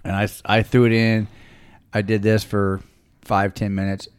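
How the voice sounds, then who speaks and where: Casting: low-pitched male co-host, animated storyteller who acts out what people said. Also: moderate pace, smooth, no echo, studio quality. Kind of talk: casual chat.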